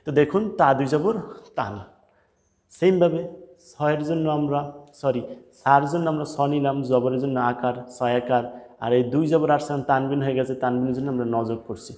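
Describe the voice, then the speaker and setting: A man teaching Quran reading, patiently repeating each letter sound slowly and speaking directly to his viewers. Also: medium pitch, steady tone, darkish tone, big-room sound. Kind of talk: step-by-step recitation lesson.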